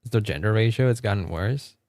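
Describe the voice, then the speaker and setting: A man's voice: on the low side, brisk, a little mellow, dry recording, studio quality. A man whose first language is Spanish, chatting casually on a livestream, laughing often, repeating words and reading chat. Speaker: streamer.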